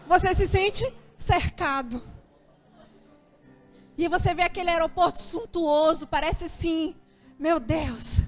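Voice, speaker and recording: High-voiced Brazilian woman pastor, animated sermon. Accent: Brazilian Portuguese. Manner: animated storytelling, acting out her own anxious prayers. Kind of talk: sermon testimony.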